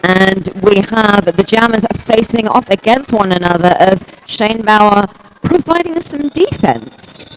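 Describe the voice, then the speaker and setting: A woman's voice: mid-range voice, lively intonation, unhurried, slight background noise, low-quality recording. A woman with a Minnesota accent calling play-by-play for a roller derby game in an upbeat, conversational way. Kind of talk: play-by-play commentary.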